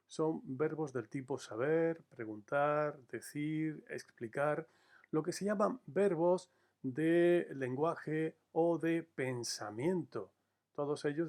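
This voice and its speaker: A man teaching a recorded grammar lesson, explaining in a measured way, slowing to stress key words and addressing his students directly. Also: a little high, a little mellow.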